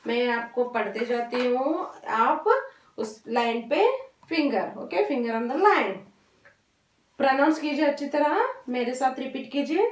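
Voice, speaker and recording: A woman's voice: high voice, lively intonation, takes it slowly, recorded from a distance. A woman teaching a primary school Hindi class, patiently repeating and drilling words and mixing in English. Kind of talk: slow online class lesson. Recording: echoey room, voice off-mic.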